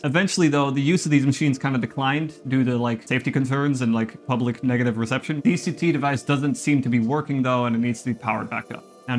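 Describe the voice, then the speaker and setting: A man recording in an attic, giving a scripted video game commentary with informal, slangy asides. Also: medium pitch. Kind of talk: scripted video essay narration with casual asides. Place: attic room at home. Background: background music.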